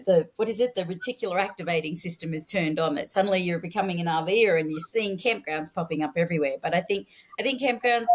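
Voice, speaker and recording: Interview guest: woman, low-pitched, talkative, searching for words. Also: fast talker, hardly any pauses, slight background noise. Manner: chatty, restarts and searches for words. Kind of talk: casual interview chat.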